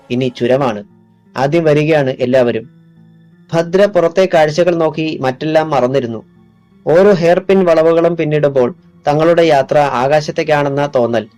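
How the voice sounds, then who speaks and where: A man reading a crime thriller audiobook in steady, measured scripted narration. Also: fairly high pitch, no echo.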